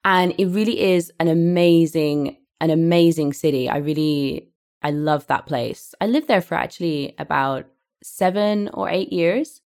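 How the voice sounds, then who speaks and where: A woman's voice: sits low, unhurried, gravelly, darkish tone. A woman with a southern English accent, an English teacher and podcast cohost, chatting cheerfully in an interview and laughing easily. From England. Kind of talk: casual interview chat.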